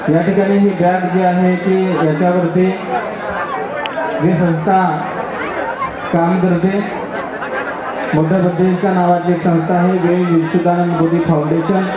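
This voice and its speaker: A man organizing a ceremony, giving directions to a large crowd over a PA loudspeaker. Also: high voice. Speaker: event organizer and announcer. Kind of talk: public announcements at a ceremony. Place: outdoors at a large gathering. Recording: echoey muffled outdoor PA with loud crowd.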